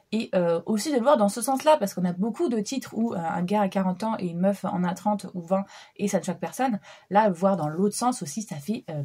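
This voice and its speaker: A woman's voice: medium pitch, a little mellow, slightly rough. A young woman giving a casual book review, chatty and full of hesitations, talking straight to her viewers. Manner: chatty, lots of hesitation fillers, addresses viewers directly.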